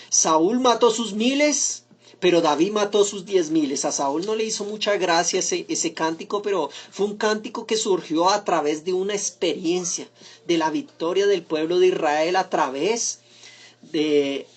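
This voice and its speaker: A man with a mixed accent preaching a sermon as pastor, speaking conversationally with rhetorical questions, restarts and "¿no?" tags, often addressing his listeners as beloved brothers. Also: fairly high pitch.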